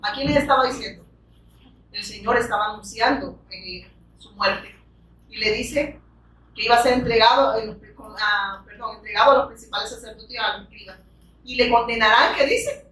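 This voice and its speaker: A woman's voice: on the high side, moderate pace, a bit bright, a little hiss or hum. A woman preaching a sermon with fervor, asking the congregation rhetorical questions and calling out amens. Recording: echoey room, distant from the mic.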